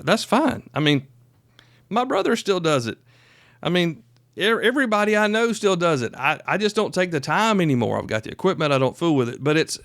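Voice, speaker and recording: A South Carolina man in his fifties hosts an informal solo podcast, talking plainly in a folksy, emphatic way with a Southern US accent. His voice is fairly high, a bit bright, clear and resonant. The studio-quality recording has no room sound.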